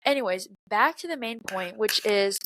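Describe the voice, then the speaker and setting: A woman's voice: medium pitch, animated, moderate pace, fairly bright tone, a little hiss or hum, poor audio. A woman in her early twenties hosting a podcast, talking candidly and profanely in a casual confessional monologue, sounding congested from crying. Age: 20s. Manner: candid and profane, frequent fillers and slang. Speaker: podcast host.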